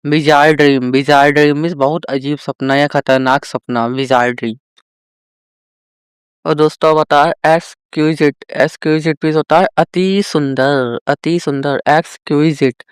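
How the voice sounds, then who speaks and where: A male teacher giving a vocabulary lesson, addressing viewers as friends and slowly drawing out each example sentence. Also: fairly high pitch, steady tone, clear, resonant tone, no echo, clean studio sound. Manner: slow, drawn-out example sentences. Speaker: English teacher.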